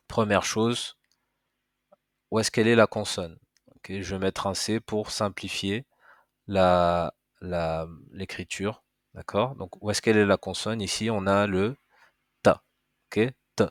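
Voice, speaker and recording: Male teacher, low voice, casual and patient, explains step by step, dry close recording. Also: dry recording. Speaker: Arabic teacher. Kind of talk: casual spoken lesson.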